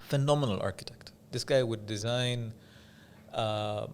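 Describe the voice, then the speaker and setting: A business coach from Dubai, UAE, appears as a podcast guest and tells stories in a measured, conversational manner, pausing and repeating phrases for emphasis. His voice is medium-pitched, with a little hiss or hum in the audio.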